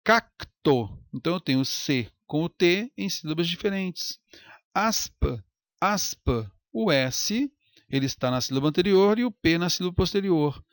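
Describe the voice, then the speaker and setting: Lively teacher drawing out words. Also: male voice, high-pitched, no echo, clean studio sound. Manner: lively, stretches out example words slowly. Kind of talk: recorded grammar lecture.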